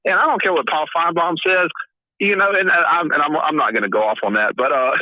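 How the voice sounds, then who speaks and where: Over a tinny phone line, a man from Mississippi calls in to a sports talk show, his slightly high voice fast and free of room sound. He rambles through his commentary with many restarts and fillers.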